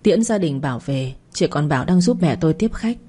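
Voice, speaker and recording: Husky low-voiced woman telling a story. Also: expressive, fairly quick, dark tone. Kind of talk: first-person story narration.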